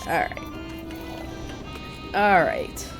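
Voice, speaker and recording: A woman's voice: extremely slow, soft background music. A woman doing casual gameplay commentary while sick with a congested chest, blunt and grumbling, with casual swearing. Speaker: game streamer.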